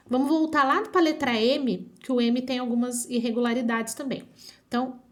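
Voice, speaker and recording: A woman teaching an online phonics lesson, drawing out each syllable slowly and often checking whether the children follow. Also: sits high. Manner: slow, drawn-out syllables with frequent checking questions. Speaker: primary school teacher.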